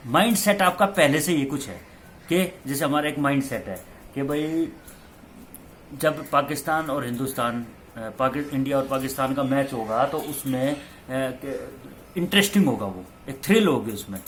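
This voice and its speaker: A man's voice: medium pitch, animated, moderate pace, a bit bright, slight background noise. A male teacher talking students through multiple-choice answers, repeating key terms and slipping in English phrases. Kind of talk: exam-question lecture.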